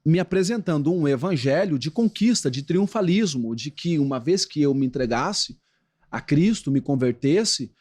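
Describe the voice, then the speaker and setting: A Brazilian man, a pastor who once played football, talking in a podcast interview with an animated preaching cadence. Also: on the high side, normal speed.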